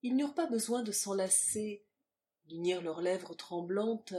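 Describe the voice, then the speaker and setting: A woman narrating a classic novel aloud in a measured, expressive literary reading. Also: mid-range voice. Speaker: audiobook reader.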